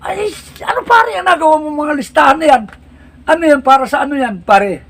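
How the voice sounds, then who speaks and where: A man voicing an excitable grown man who questions his friend in a shrill, incredulous voice. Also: a little fast, full character voice. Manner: squealing, incredulous, keeps calling him pare.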